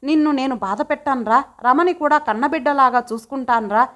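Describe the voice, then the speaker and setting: A woman's voice: high-pitched, brisk, a bit bright. Woman voicing a wailing old mother-in-law. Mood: remorseful. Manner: tearful lamenting. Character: wailing older mother-in-law, self-pitying.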